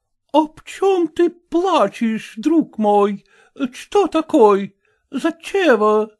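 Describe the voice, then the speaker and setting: A fussy foreign mistress exclaims in broken, oddly inflected speech, as a male reader puts her on. Her voice sits higher and swoops lively through each phrase. A storybook lady, bossy yet coaxing. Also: takes it slowly, heavily acted. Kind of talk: audiobook character voice.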